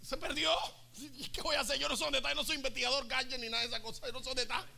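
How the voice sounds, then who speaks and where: A male pastor, preaching an animated, comic sermon and calling on the congregation to respond. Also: very high voice, very fast, vocal fry. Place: church service.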